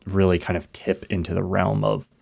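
A man's voice: sits low, level tone, normal speed, creaky, darkish tone, breathy edge. A man co-hosting a film podcast, thinking aloud in a reflective, casual way and restarting his sentences as he goes. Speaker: podcast co-host.

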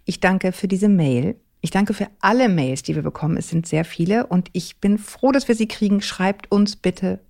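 A woman hosting a podcast conversation, chatty and teasing, with quick asides. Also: medium pitch, vocal fry, darkish tone. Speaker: podcast host. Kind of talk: casual podcast chat.

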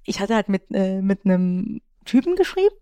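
A woman's voice: mid-range voice, big pitch swings, normal speed, warm tone, slight background noise. A woman hosting a podcast, chatting casually and openly, with frequent restarts and laughs. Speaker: podcast host. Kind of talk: casual chat.

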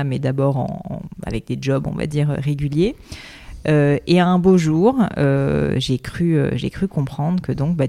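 Mellow-voiced woman podcast host. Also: sits low, no room sound. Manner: long, winding questions with many hesitations. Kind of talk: casual podcast interview.

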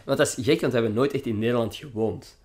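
A man's voice: medium pitch, quick pace, a little mellow. A young man with a Flemish accent hosting a podcast, chatting casually and laughing easily, with a playful, swearing manner. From Belgium. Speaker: podcast host. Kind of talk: casual chat.

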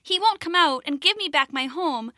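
A woman voicing a small timid female rabbit in a children's story, high and pleading. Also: animated, normal speed, pushed and bright, no room sound, clean studio sound.

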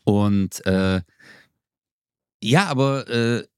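A man's voice: on the low side, drawn-out words, clean tone, no echo, studio quality. A man co-hosting a podcast in casual chat, laid-back and slangy, acting out quoted lines as he talks. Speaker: podcast co-host.

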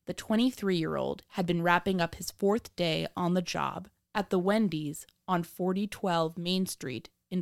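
A woman hosting a podcast, reading scripted true crime narration in a measured, dramatic storytelling manner. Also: on the low side, creaky, no echo, studio quality. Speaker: podcast host.

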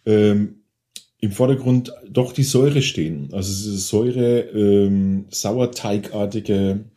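A man's voice: lowish voice, slow pace, dark tone. A man with a Franconian German accent, co-hosting a casual beer tasting and hesitating as he searches for the right words to describe flavours. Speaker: podcast co-host, beer taster.

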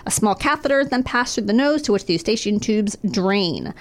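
Still healing from throat surgery, this sardonic co-host reads medical information aloud in a chatty way, swearing and tossing in dry deadpan comments. She has a medium-pitched voice and a brisk pace.

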